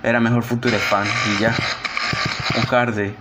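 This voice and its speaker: A young man streams a game and chats casually, mocking himself, groaning and sighing as he plays. His mid-range voice barely moves in pitch and runs a little slow. The recording is very noisy.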